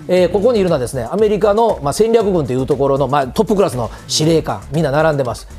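A man's voice: on the high side, lively intonation, fast talker, darkish tone, faint music behind. A middle-aged man commenting on a TV news segment, explaining emphatically with jokey asides.

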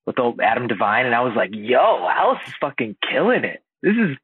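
A man from Indiana chatting casually as a podcast host, halting with many fillers and restarts. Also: mid-range voice, very animated, no room sound. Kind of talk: casual chat. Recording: dry, phone-like, husky sound.

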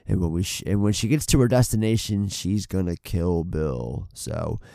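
Speaking at a normal speed, this film podcast co-host has a low, gravelly voice and a dark tone, congested from a head cold. He meanders through casual talk with lots of fillers and offhand cursing, recorded on an arm-mounted desk mic. The sound is clean studio quality, free of room sound.

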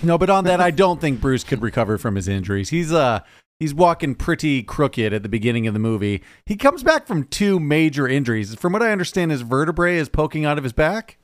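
A man who grew up around Chicago, chatting casually about a movie as a podcast co-host, jokey with quick asides. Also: on the high side, sing-song, dry recording, studio quality. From Chicago area.

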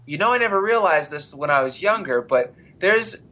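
A man co-hosting a casual movie podcast with a wry, offhand delivery. He swears casually as he talks. His voice is bright and a bit high. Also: expressive, normal speed. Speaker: podcast co-host. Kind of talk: casual movie review chat.

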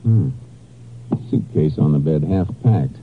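Low-voiced, clinically matter-of-fact Texas lawman. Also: expressive, slow, heavily acted. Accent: American. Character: male Texas Ranger investigator, calm, methodical, terse. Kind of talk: old-time radio crime drama acting. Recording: muffled, noisy vintage radio recording.

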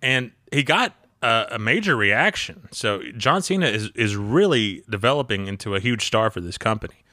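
A thirty-year-old podcast co-host talks wrestling in a casual, animated way, laughing often and quoting people in voices. His voice is mid-range at a moderate pace, recorded with studio quality and no echo.

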